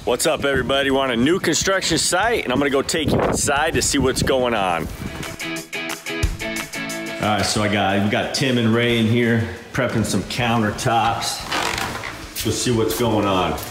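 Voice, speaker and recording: A man's voice: mid-range voice, moderate pace, music in the background. Upbeat man touring an echoey warehouse. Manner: upbeat, chatty, greets coworkers. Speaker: vlog host giving a warehouse tour. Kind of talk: casual walk-and-talk vlog. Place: large indoor warehouse. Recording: echoey warehouse room sound.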